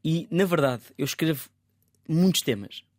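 A man's voice: fairly high pitch, lively intonation, normal speed, no room sound, studio quality. A man, a photographer talking about his work in a casual interview, thoughtful and often restarting his words. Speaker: photographer guest.

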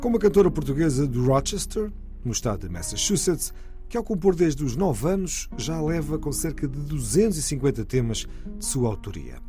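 A man's voice: fairly high pitch, very animated, brisk, mellow, soft background music. A man presenting a news magazine program in scripted narration.

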